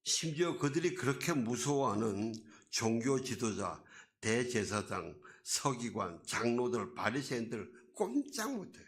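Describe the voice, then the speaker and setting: A man's voice: medium pitch, sing-song, measured pace. A man preaching a sermon as a pastor, in a conversational way that asks the congregation questions and acts out quoted voices.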